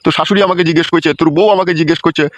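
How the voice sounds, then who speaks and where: A man's voice: fairly high pitch, steady tone, rapid-fire, no echo, natural voice. A man voicing an exasperated, cursing middle-aged father in a cartoon, ranting coarsely. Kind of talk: cartoon voice acting.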